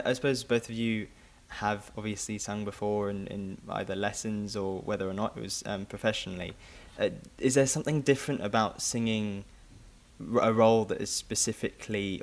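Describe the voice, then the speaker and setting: Low-voiced man hosting a podcast. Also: fairly even intonation. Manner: measured, asks long winding questions. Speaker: podcast host. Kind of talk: conversational interview.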